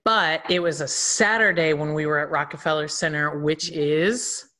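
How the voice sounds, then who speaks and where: A woman hosting a casual podcast chat, telling stories in a chatty, lively way. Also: deep voice, moderate pace. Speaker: podcast host.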